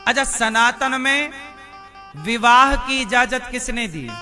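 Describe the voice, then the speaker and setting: A man's voice: very high voice, animated, slow, sharp tone. A man preaching a devotional sermon, asking the listeners questions and answering them himself. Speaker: spiritual preacher. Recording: music playing under the voice.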